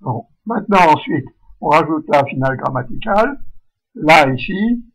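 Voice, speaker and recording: A man giving a recorded spelling lesson, slowly modelling vowel sounds aloud. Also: a little high, expressive, poor audio. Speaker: French spelling teacher.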